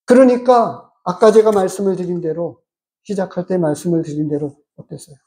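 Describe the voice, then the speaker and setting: Mellow-voiced pastor preaching a sermon. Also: mid-range voice, steady tone. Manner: measured, explanatory preaching with rhetorical questions.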